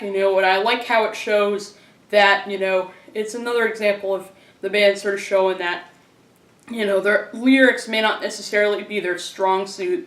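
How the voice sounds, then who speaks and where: A man's voice: sits high, fairly bright tone. A man giving a casual, enthusiastic album review, rambling with lots of fillers and restarts. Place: a room at home. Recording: roomy echo, mic at a distance.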